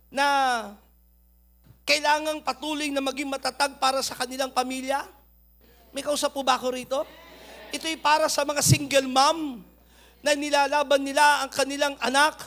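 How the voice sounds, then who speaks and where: A man preaching a sermon, swinging between loud urging and quiet asides. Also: extremely high pitch, flat delivery, normal speed, long pauses. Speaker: pastor.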